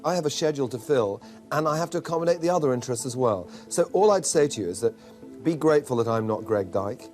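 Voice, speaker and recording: A man answering defensively and haltingly in an old television discussion. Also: medium pitch, animated, darkish tone, soft background music. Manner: defensive, hesitant with fillers. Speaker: channel executive. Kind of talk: archival TV discussion.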